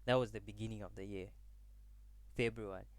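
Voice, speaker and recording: A young man from Zambia speaks in a somewhat low voice. He delivers a prepared class presentation. He talks haltingly, breaking off and restarting phrases as he searches for the right word. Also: fairly even intonation, no echo. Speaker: student presenter.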